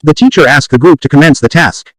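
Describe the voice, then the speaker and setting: A man's voice: a little high, a little fast, no room sound, low-quality recording. A man dictating standalone practice sentences, reading them aloud for an English test.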